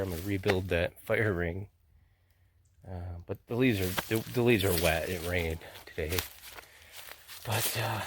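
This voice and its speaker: A man's voice: lowish voice, noisy background. A man vlogging on a long-distance hike, talking casually and rambling, laughing often and swearing now and then, sometimes out of breath, into a handheld phone outdoors in the mountains. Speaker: thru-hiker vlogging on the trail. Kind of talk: casual handheld trail vlog. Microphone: phone camera held by hand.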